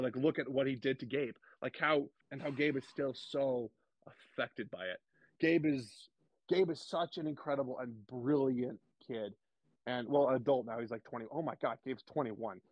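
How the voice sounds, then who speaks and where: Halting, emotional young man on a call. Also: mid-range voice, no room sound, dull audio. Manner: halting, repeats words, emotional. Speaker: guest. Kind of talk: candid podcast conversation.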